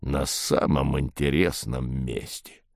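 A man voicing a fierce, gruff two-headed male space pirate in a muffled voice. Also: on the low side, normal speed, no echo, clean studio sound. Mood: disappointed. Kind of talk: audiobook reading.

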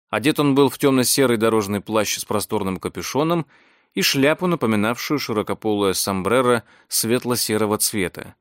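A man reading a novel aloud in a steady, measured storytelling voice. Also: medium pitch, dry recording, clean studio sound. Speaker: audiobook narrator.

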